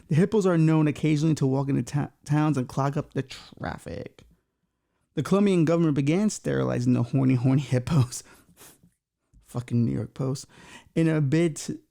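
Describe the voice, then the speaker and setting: Hosting a comedy podcast, this man reads news stories aloud, stumbling as he goes and cracking crude, mocking jokes full of swearing. His voice is on the high side, creaky, and dark in tone.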